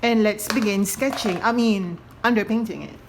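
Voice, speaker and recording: A woman's voice: medium pitch, moderate pace, background noise. A woman hosting a painting tutorial in a chatty, giggly, casual way, with slightly awkward articulation from braces just being removed. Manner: chatty, giggly, self-correcting. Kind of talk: casual hands-on tutorial talk.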